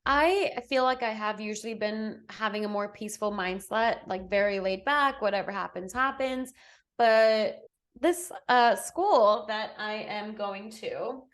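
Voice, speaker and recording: A young English woman co-hosting a podcast, talking in a chatty, animated way. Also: medium pitch, unhurried. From England. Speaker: podcast co-host. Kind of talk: casual chat.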